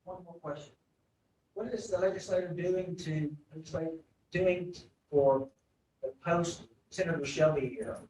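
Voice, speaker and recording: A man in an audience putting questions to a speaker in a halting, polite, unscripted way. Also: a little mellow. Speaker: audience member asking questions. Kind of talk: spontaneous public question. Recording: roomy, distant mic, faint rumbling noise.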